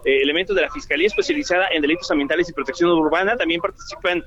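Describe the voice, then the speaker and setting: A man's voice: a little high, rapid-fire, fairly bright tone. A man with a Mexican accent giving a live radio news report from the field over a remote link. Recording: dull lo-fi remote link, clear noise.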